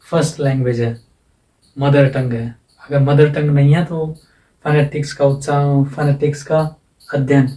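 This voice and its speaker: Soft-toned man teaching in an echoey room. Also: a little high. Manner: patient, repetitive explaining, drawing out example sounds. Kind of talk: exam-prep lesson. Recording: echoey room, mic at a distance.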